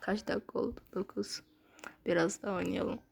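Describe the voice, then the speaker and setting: A woman's voice: medium pitch, steady tone, brisk, vocal fry, a little hiss or hum. A woman playing a mobile game and chatting playfully to her opponents, often in a half-whisper. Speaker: gamer. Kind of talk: casual gameplay commentary. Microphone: phone screen recording.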